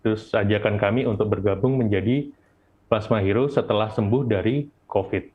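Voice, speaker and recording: A man's voice: fairly low pitch, normal speed, slightly rough. An Indonesian man presenting informally in a webinar, his voice muffled by a face mask. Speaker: volunteer presenter. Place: at home. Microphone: video call. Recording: dull, lo-fi video call.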